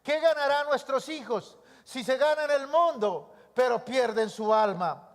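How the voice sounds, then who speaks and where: High-voiced pastor in an echoing church. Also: male voice, a little slow. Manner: asks rhetorical questions and answers them himself. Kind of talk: sermon. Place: church sanctuary. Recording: long church-hall reverb.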